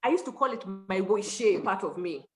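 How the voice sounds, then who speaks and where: A woman speaking as a talk show panelist, animated and repeating words when she stresses a point. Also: medium pitch, moderate pace, over music. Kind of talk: casual studio chat.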